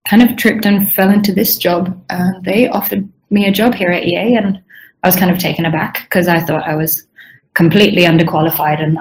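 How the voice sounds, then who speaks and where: Her voice sits on the low side with a darkish tone as this young game designer, from Sweden and Southern Africa, talks informally about what she does. She clears her strained throat often, and the recording quality is low.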